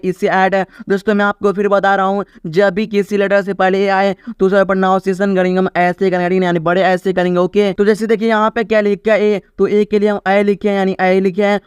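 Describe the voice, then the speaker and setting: Brief: male online English tutor, patient and repetitive, steady even delivery, dry close sound. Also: sits high, clear, resonant tone, no echo. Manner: repeats "theek hai na" after nearly every point; slow, patient step-by-step explaining. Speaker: English teacher. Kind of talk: online phonics lesson.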